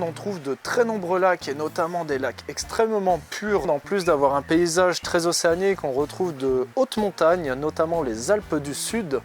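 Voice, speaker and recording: Man presenting facts outdoors, slightly high. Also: a little hiss or hum. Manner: clear, methodical, lists facts step by step. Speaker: presenter for a honey brand. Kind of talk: scripted informative presentation.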